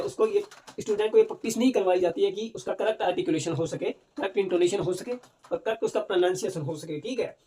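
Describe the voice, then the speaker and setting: A male teacher giving an exam-prep lecture. He asks questions and answers them himself, often tags on "theek hai na", and reads English points out slowly. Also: high-pitched, warm tone. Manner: keeps adding "theek hai na".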